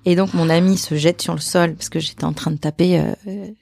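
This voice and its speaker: A woman, an actress and author, telling a personal story as a podcast guest, halting and repeating her phrases. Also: on the low side, fairly even intonation, vocal fry, a little mellow, no echo, studio quality.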